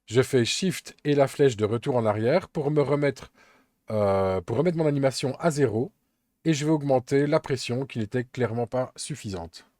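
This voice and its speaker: A man walks through a software tutorial step by step, calm and methodical. His voice is dark and mellow, and the recording is dry and close with no room sound. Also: mid-range voice, moderate pace, no room sound. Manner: calm, methodical step-by-step explaining with occasional fillers. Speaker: Blender tutorial instructor.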